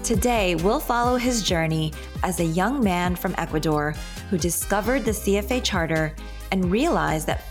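A woman hosting a podcast, reading polished scripted introductions and questions. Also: mid-range voice. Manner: polished, clearly read. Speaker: host.

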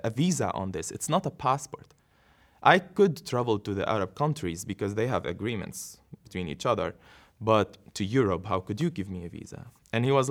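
Earnest Syrian man telling his story. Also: medium pitch. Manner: earnest, reflective, with short laughs and restarts. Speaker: interview guest, dancer. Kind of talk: personal storytelling in an interview.

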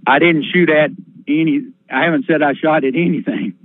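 A man calling a sheriff's office over the phone, talking in a halting, hesitant and evasive way. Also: fairly high pitch, steady tone, dry recording. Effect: heard over a phone line. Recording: tinny, dry phone line.

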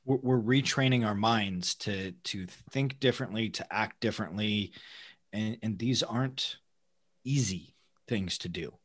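A man in conversational podcast talk as co-host, thinking aloud in a halting way. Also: on the low side, a bit bright.

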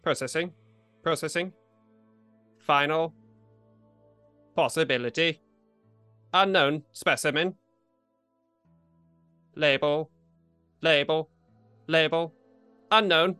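Lab bench computer played by a man, robotic processing voice, bright and crisp, dry sound. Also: a little high, slow, long pauses, no room sound, faint music behind. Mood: flat robotic. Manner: robotic computer processing voice, clipped repeated status words. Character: talking lab bench computer, flat and literal. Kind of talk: tabletop game roleplay.

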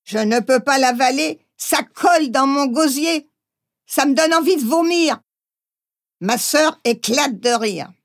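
A woman narrating a first-person memoir audiobook in a measured reading voice. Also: high voice.

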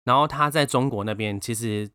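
A man with a Taiwanese Mandarin accent, co-hosting a casual podcast chat and telling a family story with animated bursts of laughter. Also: mid-range voice, fairly quick, smooth, no echo, clean studio sound. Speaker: podcast co-host.

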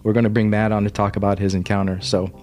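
A male podcast co-host with a fairly low voice chats casually and asks easygoing questions. Faint music plays behind him. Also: flat delivery, quick pace, a little mellow.

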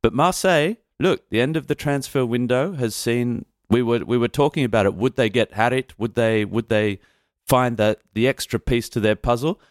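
A man's voice: mid-range voice, moderate pace, dry recording, clean studio sound. A man giving conversational football analysis as a podcast panellist.

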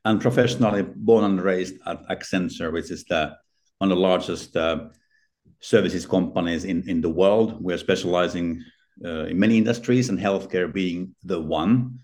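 A middle-aged Finnish healthcare consultant is a guest on a podcast, and his casual interview talk is hesitant, full of fillers and restarts. He speaks at a normal speed in a deep, darkish voice.

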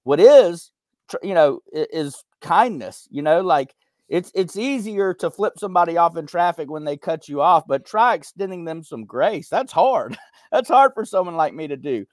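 A man's voice: fairly high pitch, expressive, normal speed, no room sound, studio quality. A young man being interviewed as a podcast guest, talking in an earnest, reflective way with lots of "you know.". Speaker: podcast guest, veteran and content creator. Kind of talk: candid conversational interview.

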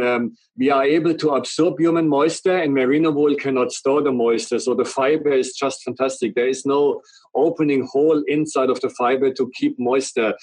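A middle-aged German man with a strong accent, appearing as a company representative in an interview, earnestly explains a product at length in long run-on sentences. His mid-range voice is a little mellow and slightly rough, and the audio is dry and poor.

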